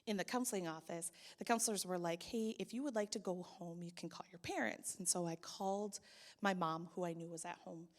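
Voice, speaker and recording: A woman's voice: on the low side, fairly even intonation, fairly quick. Young woman sharing her testimony at church, storytelling, long echo off the hall. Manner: storytelling, voices quoted people, grows loud and pleading. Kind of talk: personal testimony.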